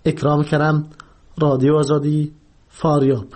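A man's voice: on the high side, little pitch movement, very noisy. A man with an Afghan accent reading a scripted news report as a radio reporter.

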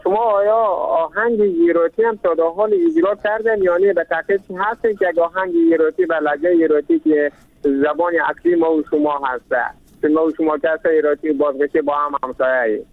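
A man calling in to a radio show, greeting everyone politely and formally before asking his question. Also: a little high. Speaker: caller. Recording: tinny phone line.

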